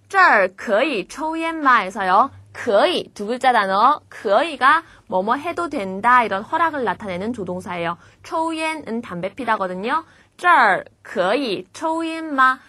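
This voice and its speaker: A Korean woman teaching a beginner Chinese lesson, patiently modelling each word slowly before explaining it. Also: fairly high pitch, pushed and bright, dry recording.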